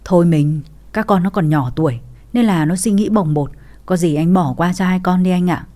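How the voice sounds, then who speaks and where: A woman voicing a defensive stepmother with a low, mellow voice. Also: normal speed, lightly acted. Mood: placating. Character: middle-aged scheming stepmother, defensive.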